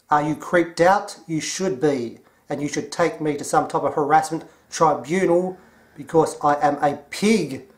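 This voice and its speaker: Australian man, slightly high voice, deadpan, mocking commentary. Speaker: commentary vlogger. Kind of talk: sarcastic commentary.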